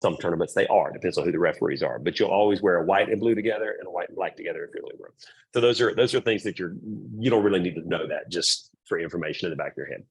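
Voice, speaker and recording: A man's voice: sits low, very fast, slightly rough. A middle-aged man presenting to volleyball parents, blunt and repetitive, acting out quoted remarks. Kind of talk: parent orientation talk.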